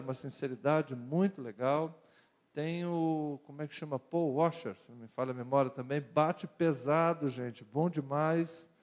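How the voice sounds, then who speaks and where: Brazilian pastor preaching with jokes. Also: male voice, a little high, a little mellow. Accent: Brazilian Portuguese. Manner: conversational preaching with jokes and rhetorical repetition. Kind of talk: sermon to young people.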